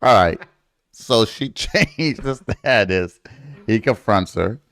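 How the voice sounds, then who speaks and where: A man's voice: fairly low pitch, animated, slow pace, a bit bright, no echo. A man hosting a casual true-crime podcast, blunt and opinionated, acting out quotes in his speech. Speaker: podcast host.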